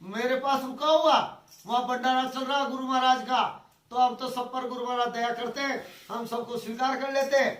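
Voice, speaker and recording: A man's voice: very high-pitched, flat delivery, normal speed, fairly bright tone. A man from Rajasthan giving a devotional talk as a preacher, telling stories and acting out the dialogue. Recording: echoey from far off.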